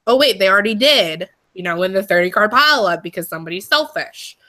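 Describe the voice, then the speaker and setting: A woman's voice: medium pitch, lively intonation, fairly quick, pushed and bright. A young woman co-hosting a podcast, chatting casually and emphatically with lots of fillers. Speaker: podcast co-host. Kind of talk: casual chat.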